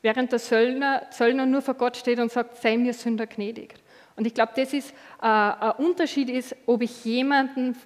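A woman's voice: fairly high pitch, steady tone, normal speed, few pauses. Earnest woman preaching in a reverberant hall. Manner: earnest, conversational, acts out inner voices, many fillers. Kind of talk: sermon.

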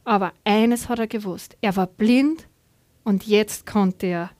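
A woman's voice: mid-range voice, slow, a little mellow. A woman preacher reading a Bible passage aloud and then speaking earnestly and directly to her congregation in a church service. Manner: earnest, addresses listeners directly. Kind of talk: scripture reading and sermon.

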